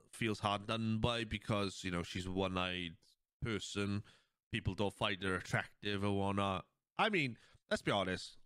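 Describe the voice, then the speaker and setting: A man hosting a podcast, chatting casually and retelling cartoon scenes in a rambling, animated way. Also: on the low side, clear, resonant tone, dry recording. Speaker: podcast host. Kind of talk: casual chat.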